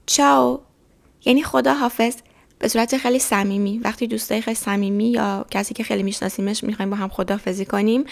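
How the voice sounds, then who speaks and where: A woman with a slightly high, gravelly voice teaches a language lesson. She says each phrase clearly and repeats it slowly for learners to copy. Then she briskly explains what it means. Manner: clear, slow model repetitions then quick explanations. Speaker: French teacher.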